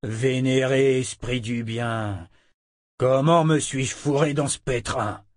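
A man's voice: medium pitch, steady tone, slow, no room sound, studio quality, natural voice. A man voicing a morose giant coachman who grumbles in an exasperated way. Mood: grumbling. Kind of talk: audiobook character voice.

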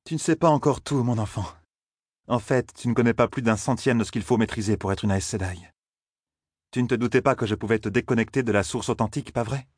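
A man's voice: medium pitch, fast, a little mellow, husky, no room sound, lightly acted. A powerful older sorceress ruler speaks with cool, mocking condescension, as a man voices her. The sound is close and dry, in the style of a dramatized audiobook. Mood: stern. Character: stern, powerful older woman leader of a sorcerous order.

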